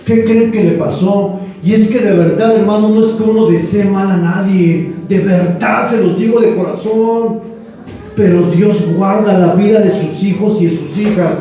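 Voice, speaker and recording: A man's voice: high voice, fairly even intonation, normal speed, mellow. A male pastor preaching a sermon, telling a story and asking the congregation rhetorical questions. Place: church hall. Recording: very echoey church hall, distant mic, dull sound.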